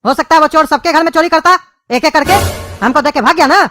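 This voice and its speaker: An irritable middle-aged cartoon father barks orders at his sons, voiced by a woman. He talks fast and dismissively in a high voice, over faint music. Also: a bit bright, no room sound. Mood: defensive. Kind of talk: cartoon dubbing.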